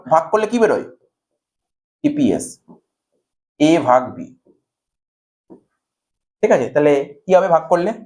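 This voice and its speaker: A man's voice: a little high, darkish tone. A male commerce tutor with a Bengali accent, giving a whiteboard math lecture and coaxing students with constant checks that they follow. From India.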